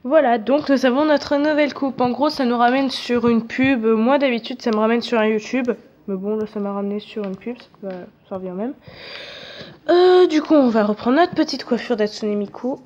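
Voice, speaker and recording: A young woman talks through her gameplay in a loose, chatty way, poking fun at herself and cursing casually when the game acts up. Her voice sits a little high. The recording is somewhat dull and lo-fi. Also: moderate pace, darkish tone. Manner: chatty, self-mocking, swears casually at the game. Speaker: gaming video creator. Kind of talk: casual let's-play commentary. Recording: dull, slightly lo-fi audio.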